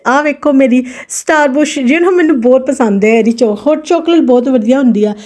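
Punjabi lady doing a daily vlog, high voice but kinda soft and mellow, chatty n exclaiming. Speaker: vlogger. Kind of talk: casual daily vlog narration in Punjabi mixed with English words.

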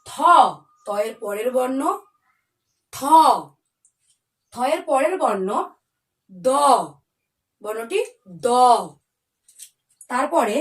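A woman teaching young children the consonants, reciting letters and rhymes slowly and carefully in a drawn-out sing-song. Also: fairly high pitch, lively intonation, far from the mic. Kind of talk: children's alphabet lesson.

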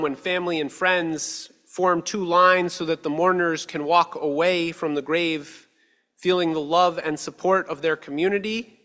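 A male rabbi in his thirties giving a measured, earnest sermon at a lectern with a stand mic, slowing down for emphasis. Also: fairly high pitch, bright, forceful tone. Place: synagogue sanctuary, at a lectern. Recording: long reverb of a sanctuary hall.

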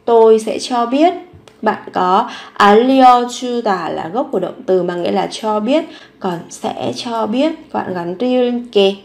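Female teacher, a little high, patient, repeats drills and then explains. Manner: repeats each phrase slowly, then explains it. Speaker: Korean language teacher. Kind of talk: Korean lesson explained in Vietnamese.

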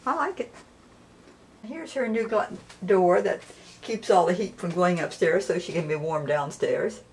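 A woman's voice: fairly low pitch, unhurried, a little mellow, slight background noise. A woman vlogger chatting casually while filming a tour of a friend's house. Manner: chatty, encouraging, narrates the tour. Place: inside a house.

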